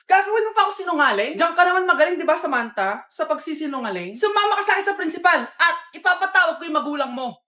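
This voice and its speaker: A woman doing a strict teacher lady, scolding and accusing, high voice, skit stuff. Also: big pitch swings, quick pace, hardly any pauses, bright, forceful tone, roomy sound, exaggerated voice. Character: stern female schoolteacher scolding a pupil. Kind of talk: comedy skit role-play.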